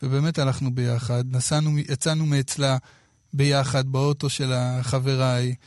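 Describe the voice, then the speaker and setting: A man in his thirties from Israel, telling a personal story in a casual, lively way with quoted dialogue. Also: medium pitch, no echo, studio quality. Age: 30s.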